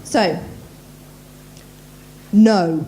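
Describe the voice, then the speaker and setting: A woman voice coach giving a lively workshop at a conference, talking quickly and quizzing the audience. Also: mid-range voice, slight background noise. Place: conference room.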